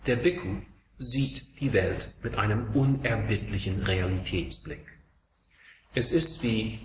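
A man's voice: fairly low pitch, a bit bright. A man giving a Buddhist dharma talk as a teacher, counting off his points and hammering home contrasts through repetition. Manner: emphatic, rhetorical repetition of contrasts. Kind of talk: lecture-style dharma talk. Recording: roomy echo, faint background noise.

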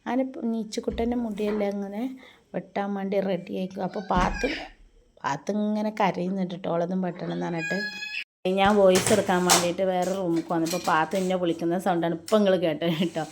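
A woman's voice: on the low side, fairly even intonation, quick pace. A mother vlogging about her family in a Malabar Malayalam accent, giving a chatty voice-over narration recorded in a separate room at home. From Malappuram, Kerala. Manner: chatty, warm tag words at line ends. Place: indoor room, recorded apart from the filmed scenes. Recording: noisy home recording, kids in background.

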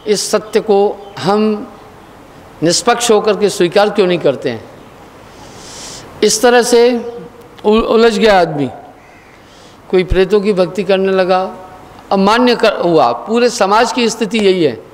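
A man giving a spiritual discourse, earnest and questioning, sometimes chanting verses slowly. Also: sits high. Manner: sings verses in slow chant. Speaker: spiritual teacher. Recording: long hall reverb.

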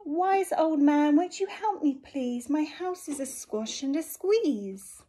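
A woman's voice: sits high, expressive, takes it slowly, dark tone, pitched above the performer's own voice. A woman voicing a fussy, grumbling little old lady from a picture book, pleading and exclaiming. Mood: fretful pleading.

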